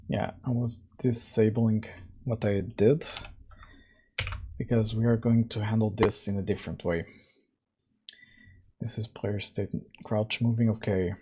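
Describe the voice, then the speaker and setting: Late at night in a home room, a man hosts a game-dev livestream close to the mic, his voice husky, dark, and deeper than usual as he coughs while recovering. He talks through his code slowly and casually, thinking aloud with many fillers.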